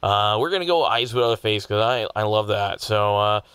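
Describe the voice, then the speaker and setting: A man from British Columbia hosting a casual radio interview, chatty and quick to laugh. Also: on the low side, expressive, a bit bright, clean tone, dry recording. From British Columbia, Canada. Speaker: radio host.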